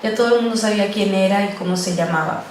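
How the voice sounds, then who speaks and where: A woman explains podcast interview technique to a class in a clear, steady voice of middle pitch. She sounds distant from the microphone, in a very echoey room with faint background noise. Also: fast talker. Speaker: podcast journalism instructor. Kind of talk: teaching a talk on podcast interviews. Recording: roomy echo, distant mic, faint noise.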